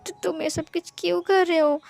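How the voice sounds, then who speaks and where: A woman's voice: very high voice, steady tone, fairly quick, creaky, a little mellow, soft background music, pitched above the performer's own voice. A woman voicing a shy, flustered young man who stammers and pleads nervously in a read-aloud romance story. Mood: pleading.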